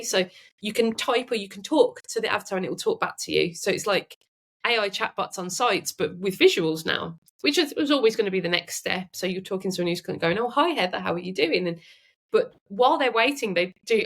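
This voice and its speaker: A woman guest on a podcast who chats in a lively way and often laughs. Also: medium pitch. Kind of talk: casual interview chat.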